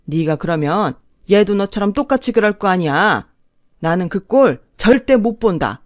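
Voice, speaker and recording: A woman voicing a stern older father-in-law who lectures and scolds in a loud, booming, authoritarian voice, in a dry recording. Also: expressive, normal speed, no room sound, close to an everyday voice. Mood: scolding.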